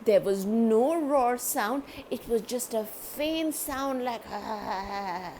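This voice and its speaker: A woman reading a children's story aloud, animated and speaking directly to young listeners. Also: a little high, takes it slowly, a little hiss or hum.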